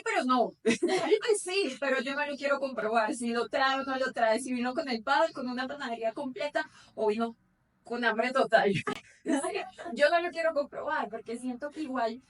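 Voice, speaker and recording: A woman's voice: fairly high pitch, far from the mic. A woman in her thirties co-hosting a podcast, talking in a reflective, earnest way and correcting herself as she goes. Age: 30s. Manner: reflective, earnest, talks at length with self-corrections. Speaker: podcast co-host. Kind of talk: casual chat.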